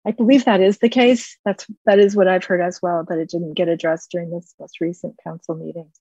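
A woman's voice: on the low side, steady tone, fairly quick, warm tone, slightly rough, no echo, lo-fi sound. A woman chairing a meeting informally, calling on people to speak.

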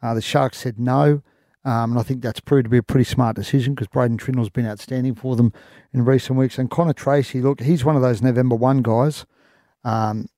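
An Australian man talks sport casually on a radio panel. His delivery is rapid and his tone soft and mellow. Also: medium pitch, steady tone, no room sound, clean studio sound. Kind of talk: casual sports commentary chat.

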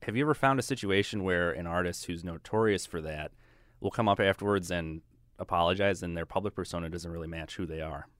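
A man's voice: low voice, a little fast, fairly bright tone, no echo, clean studio sound. A young man interviewing, asking long, thoughtful questions in casual chat. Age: young adult. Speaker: co-host interviewer.

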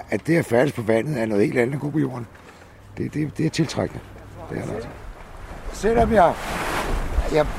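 A man's voice: mid-range voice, creaky, darkish tone, a little hiss or hum. A man, a novice sailor, speaking in a documentary interview outdoors on a sailboat and stumbling through restarts as he thinks aloud.

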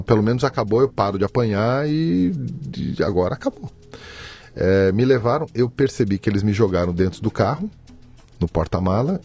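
A middle-aged man with a Brazilian Portuguese accent, a podcast guest recounting a personal story haltingly, restarting and repeating words. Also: fairly low pitch, dark tone, slightly rough.

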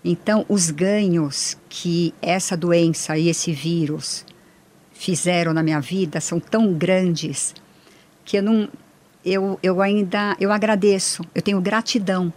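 A woman's voice: on the low side, fairly even intonation, a little slow, darkish tone. A middle-aged woman, earnestly telling her personal story as an interview guest. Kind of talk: emotional personal testimony.

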